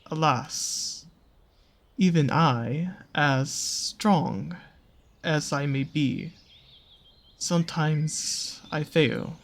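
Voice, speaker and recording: In a scripted fantasy roleplay audio drama addressed to the listener, an actor plays a seductive serpent-creature in a mid-range voice. He speaks extremely slowly, with drawn-out pauses and lively, swooping intonation, coaxing and teasing with pet names. The predator shows a soft spot for small, pretty prey.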